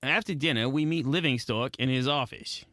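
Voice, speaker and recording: Man as bright-voiced hard-boiled penguin detective. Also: mid-range voice, moderate pace, faint music behind, natural voice. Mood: wry narration. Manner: clipped gumshoe slang. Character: hard-boiled penguin private detective, hot-tempered, wisecracking. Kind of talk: noir narration, 1940s radio detective acting.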